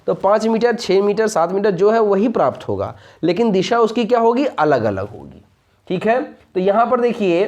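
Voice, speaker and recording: A man teaching a lesson, who poses rhetorical questions and answers them, repeats key points and keeps checking that students follow. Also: high-pitched. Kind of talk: explaining a physics lesson.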